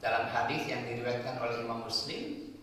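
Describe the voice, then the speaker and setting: A man's voice: medium pitch, fairly even intonation, fairly quick, bright, forceful tone, slight background noise. A male preacher gives a sermon, explaining point by point and asking and answering his own questions. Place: mosque hall. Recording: echoey hall, voice from far off.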